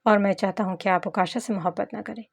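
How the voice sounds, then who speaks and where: A patient, devoted young man speaks in an earnest, gentle way, as a woman reading the novel gives him voice. His words stay formal and tender. The voice sits in an ordinary middle pitch for a woman reader. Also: fairly even intonation, quick pace, creaky.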